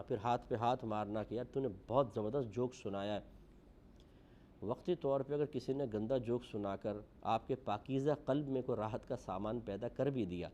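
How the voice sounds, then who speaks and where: Male preacher, dark mellow tone, earnest moral lecture, faint hiss behind. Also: dull audio. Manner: earnest, moralizing, rises for emphasis then drops low. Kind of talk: religious lecture.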